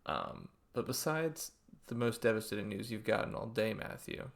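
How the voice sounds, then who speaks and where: A man's voice: lowish voice, moderate pace, vocal fry. A man co-hosting a podcast in casual chat, teasing his friend and laughing often. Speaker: podcast co-host.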